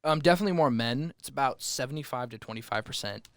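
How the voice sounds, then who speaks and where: A man's voice: medium pitch, fast talker, a bit bright, no room sound. A teenage boy on a school podcast, chatting casually, laughing often and using lots of fillers. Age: teens. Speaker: student guest. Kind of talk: casual chat.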